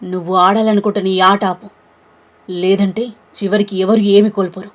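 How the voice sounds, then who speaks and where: A woman's voice: medium pitch, little pitch movement, moderate pace, muffled recording, lightly acted. Woman voicing an angry proud young man. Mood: threatening. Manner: harsh shouting commands.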